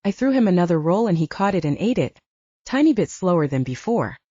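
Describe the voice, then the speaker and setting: A woman with a low, mellow voice narrates a first-person audiobook a little fast, her pitch swinging widely as the story unfolds. The recording is dry, slightly dull, and echo-free, like lo-fi home audio.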